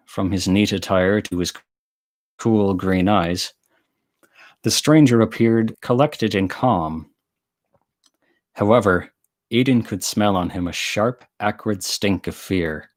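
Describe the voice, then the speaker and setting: A man reading his own story aloud on a live stream, relaxed, with chatty asides and self-corrections. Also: fairly low pitch, takes it slowly.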